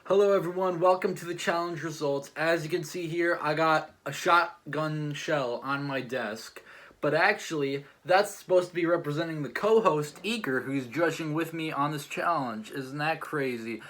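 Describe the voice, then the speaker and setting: The host and judge of a challenge show reviews stories in an easygoing chat, wandering and hesitant with frequent "like." His voice is on the high side and fairly bright, at a normal speed.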